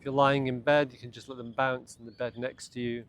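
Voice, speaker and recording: In short, soothing phrases, a man with a mid-range voice walks through a gentle morning meditation and self-massage without rushing. Steady ambient sound is clearly present behind him.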